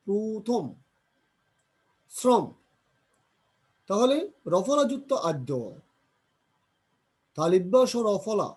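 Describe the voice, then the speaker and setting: Slow, husky man teaching word pronunciation. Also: high voice, a little mellow. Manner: repeats example words and asks himself questions. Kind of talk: grammar lesson, slow drilling of word pronunciation.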